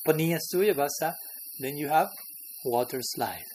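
A man's voice: on the high side, measured pace, a little mellow, a little hiss or hum, rough recording. Chuckling man teaching a scripture class. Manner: chuckling, checks in with listeners. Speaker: spiritual teacher.

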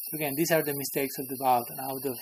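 A man's voice: medium pitch, fairly even intonation, racing, a little mellow, a little hiss or hum, rough recording. A man teaching a scripture class, who chuckles often and keeps checking in with his listeners. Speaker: spiritual teacher.

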